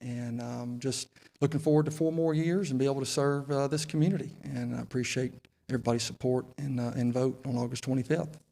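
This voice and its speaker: A Southern US man in his forties makes his case as a council candidate through a face mask. His pitch is average and moves very little from phrase to phrase. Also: steady tone, a little fast, creaky, mellow, poor audio. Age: 40s. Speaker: city council candidate, incumbent. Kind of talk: candidate remarks at a local debate.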